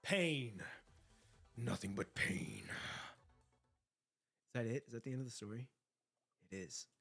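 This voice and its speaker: A man's voice: medium pitch, slow, vocal fry, breathy edge, soft background music. A man streaming his reaction to a game story, switching between casual commentary and dramatic read-aloud narration. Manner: excitable, profane, exclamatory.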